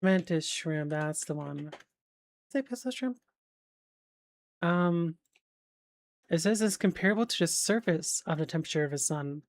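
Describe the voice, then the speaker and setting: A woman's voice: fairly low pitch, animated, unhurried, pauses often. A woman streamer chatting casually, rambling with lots of fillers and the odd swear, checking facts aloud as she goes.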